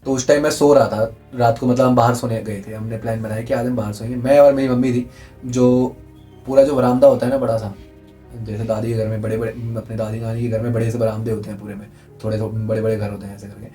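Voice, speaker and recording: A young man tells a real scary story with earnest intensity, dropping to a hush during the tense parts and repeating himself to stress points while chatting casually. His medium-pitched voice stays level and moves quickly, with faint music behind a rough recording.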